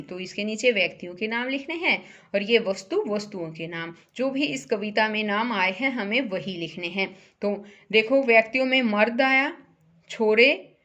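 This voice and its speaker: A woman teaching a primary-school Hindi lesson as a voice-over, saying words clearly one by one so children can repeat after her. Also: a little high, fairly bright tone, lo-fi sound. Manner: slow, careful word-by-word drills for repeating.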